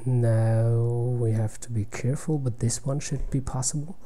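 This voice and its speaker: A German chess player softly narrates his own online blitz game as he plays, in a mid-range voice with a steady tone. His thinking-aloud is halting and fades to almost a whisper during calculation, and there's slight background noise.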